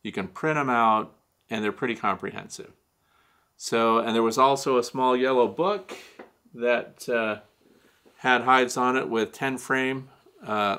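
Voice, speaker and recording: A man's voice: mid-range voice, bright, forceful tone. An older man hosting a beekeeping show, talking casually to camera from a small home studio with frequent fillers and wry asides. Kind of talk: casual advice talk to camera. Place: small home studio with shelves and neon sign.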